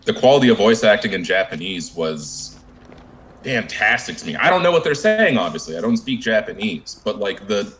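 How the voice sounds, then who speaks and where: A man with a very deep voice chats casually on a stream. He muses thoughtfully and slips in jokes. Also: very animated, moderate pace, a bit bright, slight background noise, rough recording. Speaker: podcast co-host. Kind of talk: casual anime chat.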